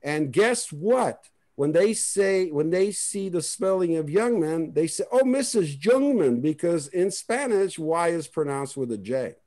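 A man's voice: fairly high pitch, expressive, a little slow, hardly any pauses, a little mellow. A man from Israel, giving a rambling, conversational family history talk on a video call. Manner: rambling, conversational, many restarts. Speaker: presenter.

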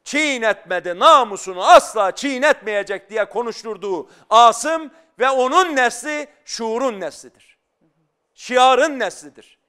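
Man, middle-aged, guest scholar, studio talk show, high resonant voice, fervent explanatory delivery. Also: lively intonation, a little slow, sharp tone, clean tone. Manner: earnest, rising into fervent emphasis. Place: television studio.

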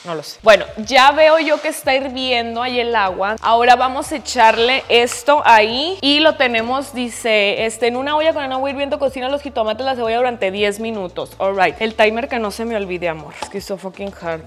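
A woman's voice: a little high, a little fast, hardly any pauses, in a large hall. A woman with a Mexican accent chatting casually while she cooks in her home kitchen, self-mocking and swearing freely, filmed on a phone. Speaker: cooking vlogger. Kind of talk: casual cooking vlog chat. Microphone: phone camera.

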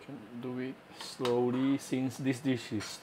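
Heavy background noise surrounds this home cooking host, whose medium-pitched voice barely moves in pitch and proceeds slowly. At the stove in his home kitchen, he chats through the demonstration and explains, using frequent "uh"s.

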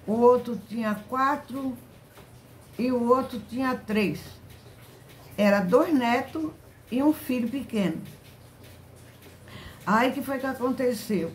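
Older lady telling her church testimony, emotional, stops and repeats a lot, a bit high-pitched. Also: slight background noise. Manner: emotional, halting, repeats herself. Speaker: church member giving testimony. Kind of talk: religious testimony to a congregation.

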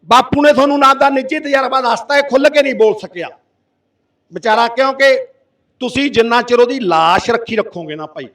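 A man's voice: very high-pitched, fairly quick. A middle-aged man with a Punjabi accent, an activist giving a fiery, impassioned speech at a village protest sit-in. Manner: impassioned, forceful, roaring. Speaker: activist addressing a protest gathering. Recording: voice from far off the mic.

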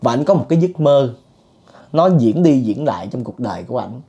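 A man's voice: mid-range voice, sing-song, a little fast, warm tone, muffled recording. A man, casually telling a true ghost story in a conversational way, with fillers and chuckles.

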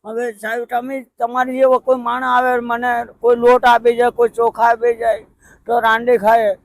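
Elderly man from Gujarat, high thin voice, dry close sound; halting and plaintive, repeats himself. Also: monotone, dry recording. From Pavagadh, Gujarat. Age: older. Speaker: interviewee. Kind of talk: emotional conversational interview. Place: outdoors by a roadside hut.

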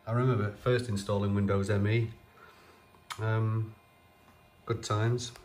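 Off camera and working on an old computer, a man talks at a measured pace in a fairly low, level, slightly mellow voice, with a little hiss or hum in the audio. His casual restoration-vlog commentary is hesitant and full of fillers as he thinks aloud.

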